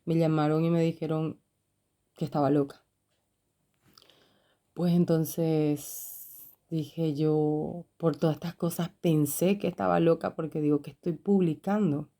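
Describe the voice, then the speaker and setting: A middle-aged woman speaks slowly in a low, even voice, sharing an earnest religious testimony. Her tone is very dark and mellow, and she repeats key phrases for emphasis. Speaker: religious video creator.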